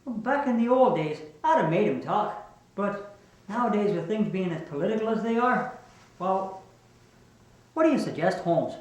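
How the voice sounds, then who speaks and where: An actor playing a blustery, exasperated police inspector in a film, talking impatiently. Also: male voice, high-pitched, animated, normal speed, pauses often. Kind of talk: dramatic film acting. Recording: very echoey, distant, music behind.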